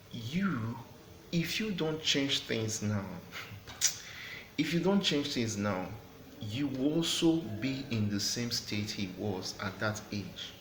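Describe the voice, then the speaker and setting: A middle-aged man hosting a motivational talk, earnest and preachy, repeating phrases for emphasis. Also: medium pitch. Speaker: host of a motivational channel. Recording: echoey room with background noise.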